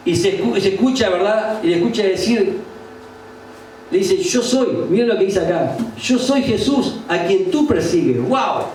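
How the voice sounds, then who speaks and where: A man's voice: high voice, mellow, a little hiss or hum. A man preaching a sermon, pressing the congregation with repeated questions. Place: church sanctuary. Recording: very echoey church hall, mic far off.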